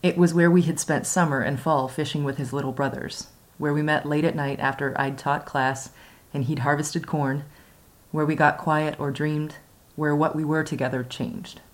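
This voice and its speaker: A woman reading her own first-person memoir aloud in a measured, reflective way. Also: deep voice, steady tone. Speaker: memoir reader.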